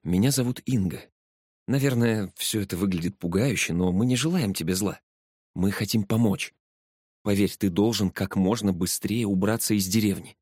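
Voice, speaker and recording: A man reading a gentle calm young woman. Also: lowish voice, normal speed, husky, no room sound, studio quality. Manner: calm reassuring speech.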